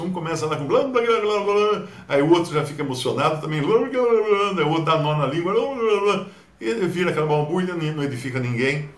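A man with a Brazilian Portuguese accent giving a Bible study, animated and mockingly mimicking others. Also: a little high, roomy sound. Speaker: Bible teacher.

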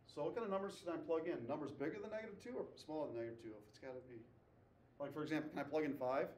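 A man's voice: fairly high pitch, racing, a little mellow, slight background noise. A man teaching a math class, asking students questions, repeating their answers and tagging "okay?" after his points. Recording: echoey classroom, voice from far off.

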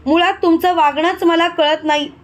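An outspoken young wife who stands up to her elders with polite but firm words. A woman reads her in a high, plain voice. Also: steady tone, normal speed. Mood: confronting. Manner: confronting, respectful address. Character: clever, outspoken young daughter-in-law.

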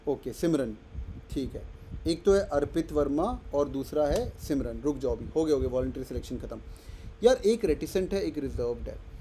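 A man's voice: a little high, expressive, normal speed, warm tone, slight background noise. Playful man teaching a class. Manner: playful, teasing, acts out student voices. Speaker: vocabulary teacher. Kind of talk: online class lecture.

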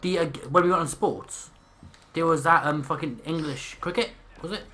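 A young Welsh man teasing his friends and narrating his gameplay with excitement. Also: on the high side, moderate pace. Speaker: gaming host. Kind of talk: casual gameplay banter. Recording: noisy room on one desk mic.

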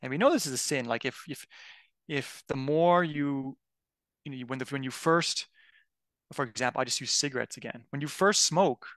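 A man's voice: mid-range voice, a bit bright, no room sound. A man preaching a sermon in a loose, conversational way, often restarting his sentences and asking listeners "right?". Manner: conversational, with frequent restarts and tag questions.

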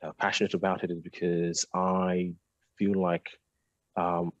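A young man, born in Nigeria and raised in South London, answers a remote interview question as an architect guest, hesitating with many ums and restarts. His low voice is monotone and unhurried, picked up by a video-call headset with no echo and the highs cut off.

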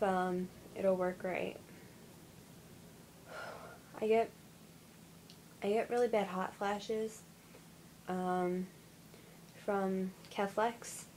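A young woman records a casual video diary at home, sounding tired and yawning now and then. She talks slowly in a flat, even voice, stopping often with fillers and restarting her sentences. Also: mid-range voice, a little hiss or hum, poor audio. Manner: halting, with many fillers and restarts. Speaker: vlogger.

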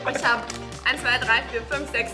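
A woman's voice: on the high side, fairly even intonation, normal speed, bright, forceful tone. A woman in her twenties chatting casually and playfully during a food challenge. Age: 20s. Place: indoor studio set at a table. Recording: roomy sound, music behind.

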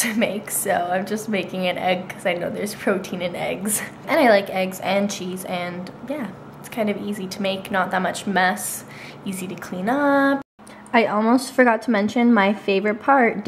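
A woman's voice: mid-range voice, darkish tone, slight background noise. A young adult woman vlogger chatting casually into a handheld camera in a home kitchen. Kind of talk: casual vlog chat.

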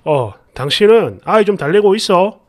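A woman's voice: mid-range voice, expressive, moderate pace, darkish tone, pitched below the performer's own voice, lightly acted. A woman voicing a stern, confrontational father who talks in a curt, accusing way, in a dramatized story reading. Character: stern, confrontational young father, middle-aged man.

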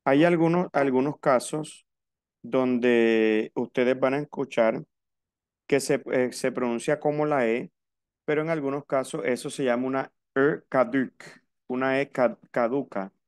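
A man teaching French over a video call, explaining each rule slowly and patiently and repeating it. His voice is smooth and clear. The sound is close and dry, with no room around it. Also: mid-range voice, fairly even intonation, no room sound. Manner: patient, repeats and spells out rules. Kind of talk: online class explaining French in Spanish.

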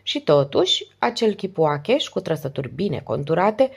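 A female narrator reads a novel aloud in a deep, low voice. Her delivery is steady yet lively in melody, rising and falling with the prose. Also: creaky, slightly rough. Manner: steady, expressive reading. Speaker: audiobook narrator. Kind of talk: audiobook narration.

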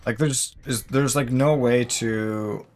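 Slow and steady in a medium pitch, a young adult man talks over his gameplay in a let's play for his gaming channel. He's exasperated and venting, rambling with many fillers.

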